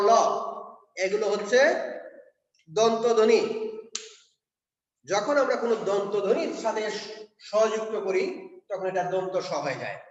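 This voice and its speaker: Male language teacher, high voice, patient step-by-step explainer; echoey, dull lo-fi hall recording. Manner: explains step by step, checks in with "কেমন?" and "ঠিক আছে?". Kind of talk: classroom pronunciation lesson.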